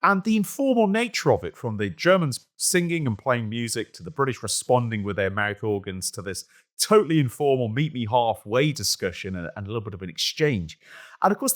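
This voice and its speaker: Highly expressive male podcast reader. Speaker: podcast host. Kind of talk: reading a historical account aloud.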